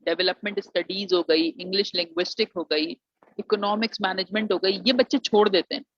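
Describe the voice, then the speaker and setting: Speaking fairly quickly in a high-pitched, steady, slightly bright tone, an engineering alumnus from Pakistan lectures casually on admissions. He calls students "beta" and mixes English into Urdu, recorded dry and muffled with no room sound.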